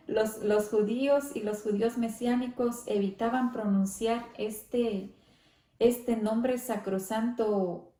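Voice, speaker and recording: A woman leading a church Bible study, speaking slowly and reverently, often adding amén and gloria a Dios. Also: a little high, dark tone, roomy sound. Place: church hall.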